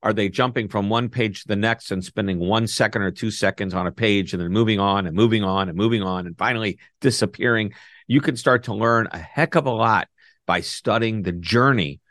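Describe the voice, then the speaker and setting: A man hosts the interview in a chatty, joking way. His voice sits fairly low. The sound is dry and close. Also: fairly quick, fairly bright tone, dry recording. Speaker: host. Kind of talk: casual interview talk.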